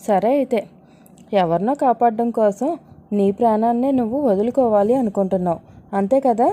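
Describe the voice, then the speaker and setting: A woman's voice: fairly high pitch, normal speed, dark tone, close to an everyday voice. A woman voicing a bold, scheming young woman who talks in a pushy, commanding way. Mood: threatening.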